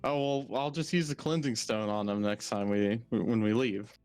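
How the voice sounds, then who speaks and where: A man's voice: on the low side, fairly even intonation, moderate pace, darkish tone, clean tone, faint music behind. A man playing in a tabletop game, talking in a chatty, explaining way and swearing casually. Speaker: player. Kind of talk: casual tabletop role-play.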